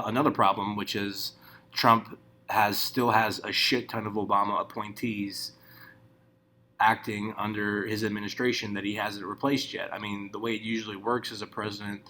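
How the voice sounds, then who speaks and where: A man's voice: fairly low pitch, bright, forceful tone, slight background noise. A man giving casual, rambling political commentary, swearing often and restarting his sentences. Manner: profane, rambling, many restarts.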